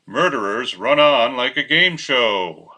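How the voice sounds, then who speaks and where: A man's voice: mid-range voice, animated, slow pace, pushed and bright, low-quality recording. A man narrating, reading out scripted stage directions for a play.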